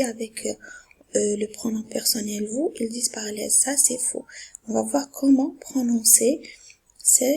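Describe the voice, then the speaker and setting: A French teacher gives a grammar lesson in a breathy, half-whispered voice that's fairly high and a little mellow. She explains patiently, repeats herself, and keeps checking that her students are following.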